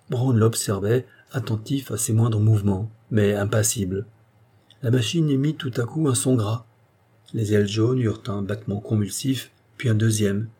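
A male narrator reads a novel aloud in a steady, expressive way. His voice sits low and sounds mellow and dark, with a husky grain. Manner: measured, expressive storytelling. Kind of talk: scripted audiobook narration.

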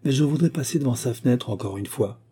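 Male reader voicing an affectionate opera tenor, familiar, dark husky tone. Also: medium pitch, animated, quick pace. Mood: sentimental. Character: exuberant, sentimental male tenor, warm and friendly.

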